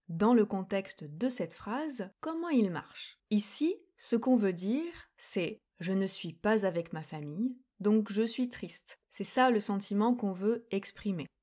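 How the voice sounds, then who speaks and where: A young woman runs a grammar quiz lesson at an unhurried pace, spelling out each rule with careful, deliberate clarity. Her pitch sits in an ordinary middle range. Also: dark tone. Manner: slow, clear and deliberate explaining. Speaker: French grammar teacher.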